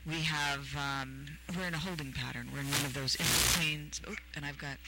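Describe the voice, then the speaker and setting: A woman's voice: low voice, fairly even intonation, moderate pace, heavy background noise. A woman hosting a radio talk show, rambling playfully with many fillers and puns. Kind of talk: casual radio chat.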